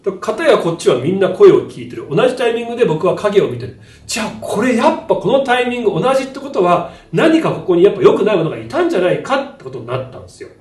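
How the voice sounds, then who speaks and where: Animated man telling a ghost story. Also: sits high, very fast, few pauses. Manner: animated, acts out sound effects and shouts. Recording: roomy, distant mic, music behind.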